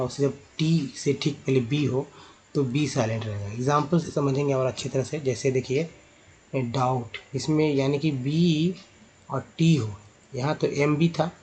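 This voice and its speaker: A man's voice: medium pitch, a little mellow. A man teaching English pronunciation, explaining step by step, repeating words and correcting himself as he goes. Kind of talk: explanatory lesson.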